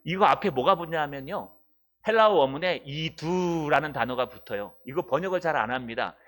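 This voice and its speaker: A man's voice: a little high, lively intonation, brisk, a bit bright. A male pastor preaching a sermon in a church, telling the story dramatically and explaining Greek words.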